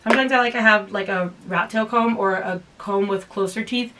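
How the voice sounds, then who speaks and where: A woman's voice: medium pitch, steady tone, brisk, background noise. A young woman chatting casually to camera at home while braiding her hair, exasperated and self-mocking. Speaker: hair vlogger. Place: at home, indoors.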